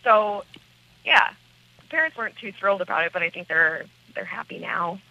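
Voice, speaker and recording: An American woman with a smoky, raspy voice, talking casually and candidly as an interview guest, with hesitant phrasing. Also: medium pitch, expressive, moderate pace, pushed and bright, dry recording, dull audio. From small town in central Wisconsin, United States. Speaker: rock band lead singer, interview guest.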